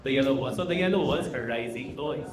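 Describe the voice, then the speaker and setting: A man's voice: mid-range voice, fast talker. A man from the Philippines, a Hokkien language instructor, giving a casual workshop lecture to a live audience and asking the room questions. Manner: casual, code-switches with Tagalog fillers, asks the room questions. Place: large echoey room with audience. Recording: echoey hall with crowd.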